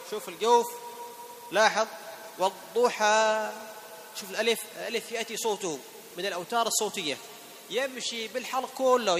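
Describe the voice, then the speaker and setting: High-voiced man teaching Quran recitation. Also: fairly bright tone, long reverb tail, slight background noise. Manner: patient, questioning students, demonstrating words slowly. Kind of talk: tajweed lesson to a class.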